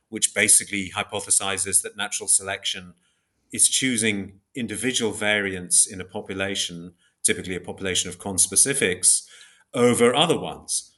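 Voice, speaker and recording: As an interview guest, a man explains ideas in a measured, precise academic manner, repeating and rephrasing as he thinks. His voice is lowish, bright and forceful.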